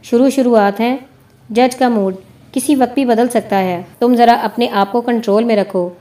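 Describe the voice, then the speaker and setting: A woman reading as a calm, witty senior lawyer. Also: on the high side, lightly acted. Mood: dry, measured. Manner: measured, teasing. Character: senior male lawyer, calm, dry wit.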